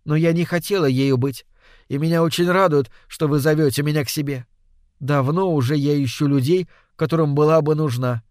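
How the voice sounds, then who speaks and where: A man voicing Death as a soft-spoken young lady, talking quietly and slowly in a measured, coaxing way. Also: fairly high pitch, fairly even intonation, no echo, studio quality, close to an everyday voice. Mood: quiet, resolved.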